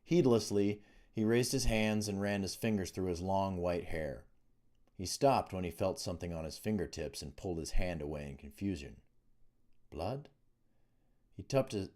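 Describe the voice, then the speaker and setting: Here a man reads his own fantasy book in the manner of a scripted audiobook. His low voice carries a dark, soft-edged quality.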